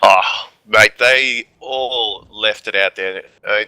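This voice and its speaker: A man's voice: lowish voice, takes it slowly, bright, forceful tone, smooth, no room sound, poor audio. A man giving laid-back analytical color commentary on an esports match. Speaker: esports co-caster.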